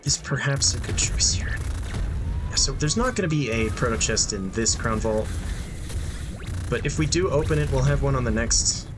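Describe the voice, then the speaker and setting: With game music and other noise in the background, a young streamer comments casually on his gameplay at normal speed, his mid-range voice animated. He thinks aloud, saying um a lot and dropping dry asides.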